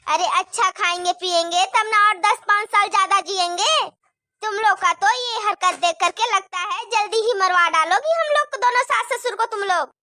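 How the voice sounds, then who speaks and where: A woman's voice: very high-pitched, normal speed, no echo. A woman voicing a nagging, taunting middle-aged mother-in-law in a cartoon story. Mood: scolding. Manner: sharp, taunting, complaining.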